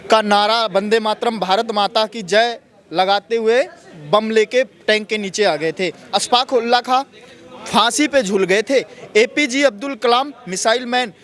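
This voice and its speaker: High-voiced man answering in halting phrases. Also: a bit bright. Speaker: interviewee on street. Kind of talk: street vox pop.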